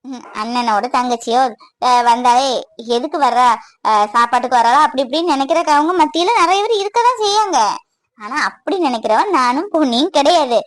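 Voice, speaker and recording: High-voiced comforting sister-in-law, cartoon, dry close sound, woman voicing. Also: fairly quick, no echo, natural voice. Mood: soothing. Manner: soothing, reassuring. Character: kind caring sister-in-law. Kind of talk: cartoon voice acting.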